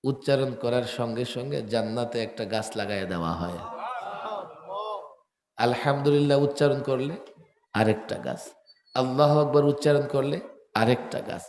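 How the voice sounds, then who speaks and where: A male preacher, speaking outdoors through a PA microphone with a mid-range voice. He keeps asking the crowd questions and breaks into loud shouts. The amplified sound carries a long, roomy echo. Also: mid-range voice, normal speed, long pauses, slight background noise. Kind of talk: outdoor Islamic sermon. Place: outdoor gathering beside a road. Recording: echoey PA sound in a reverberant space.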